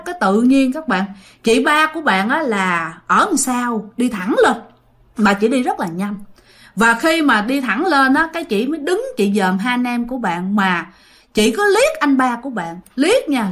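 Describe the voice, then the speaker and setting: A woman's voice: fairly high pitch, fairly bright tone. Chatty woman telling ghost stories. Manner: chatty, many fillers, addresses listeners directly. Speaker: storyteller. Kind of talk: casual ghost story narration.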